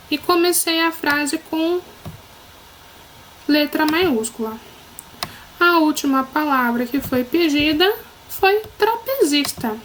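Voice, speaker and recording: A woman's voice: high-pitched, a little hiss or hum, low-quality recording. A woman teacher with a Brazilian Portuguese accent giving a recorded lesson to children, patient and encouraging, often checking that they follow.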